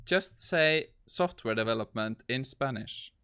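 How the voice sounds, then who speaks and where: A man hosting a live stream, chuckling and sighing at a voice assistant. He talks slowly. His voice is smooth and clear. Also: medium pitch, expressive, pushed and bright. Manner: amused, exasperated, laughing asides. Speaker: tech livestream host. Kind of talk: casual live-stream testing.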